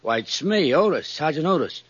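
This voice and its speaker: A man's voice: fairly high pitch, very animated, moderate pace, slightly rough, no echo. An actor playing a dim, blustering police sergeant with tough-guy slang in a 1950s radio crime drama. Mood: gloating. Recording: muffled old radio broadcast with faint hiss.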